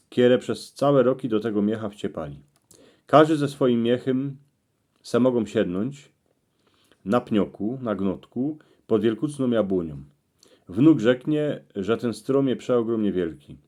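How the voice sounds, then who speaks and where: A man with a Cieszyn Silesian accent presenting a reflective, folksy monologue in regional dialect, told in a measured storytelling way. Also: mid-range voice, darkish tone. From Cieszyn Silesia, Poland. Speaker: YouTube channel presenter.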